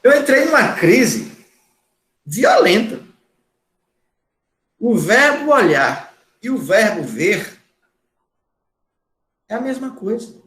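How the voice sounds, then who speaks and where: A man giving a lecture to a class, talking loudly and repeating words for emphasis. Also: sits high, sing-song, takes it slowly, long pauses, roomy sound. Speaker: course instructor.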